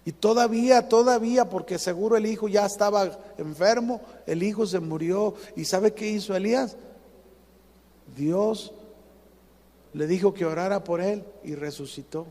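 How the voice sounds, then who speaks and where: A man with a Mexican Spanish accent delivers a sermon in a high, ringing voice. His delivery is dramatic, jumping from loud emphasis to near hush. A long hall reverb trails every line. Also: moderate pace. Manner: dramatic, swings from loud to hushed, acts out quotes. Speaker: preacher.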